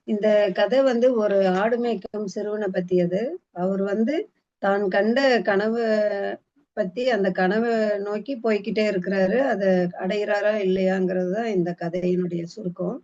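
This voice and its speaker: A woman's voice: medium pitch, dark tone. A woman retelling the story of a book in a casual, hesitant way, with frequent fillers and restarts, as if presenting it to a class. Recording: dull lo-fi recording.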